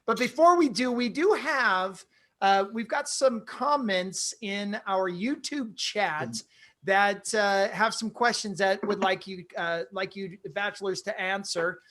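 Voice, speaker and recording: A man's voice: high voice, slow, a bit bright. A man hosting an online improv dating game, chatty and hesitant with many fillers. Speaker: game show host.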